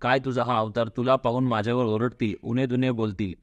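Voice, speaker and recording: A man's voice: mid-range voice, little pitch movement, a little fast, no echo, highs cut off, natural voice. A man voicing a young palace maid who speaks anxiously and dutifully. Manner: questioning, anxious.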